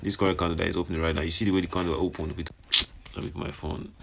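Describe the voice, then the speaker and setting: A man's voice: low voice, steady tone, very fast, vocal fry, fairly bright tone. A man giving casual trading commentary, repeating his phrases and checking that the listener follows. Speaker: trading vlogger. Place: on location, partly in a noisy hospital. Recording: noisy background, uneven level.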